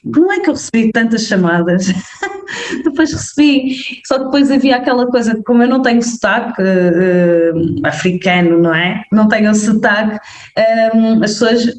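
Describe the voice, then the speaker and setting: This young woman speaks with a northern Portuguese accent and a fairly high pitch. She's a casual interview guest, lively and full of fillers and quick checks with the listener, recorded with a roomy echo.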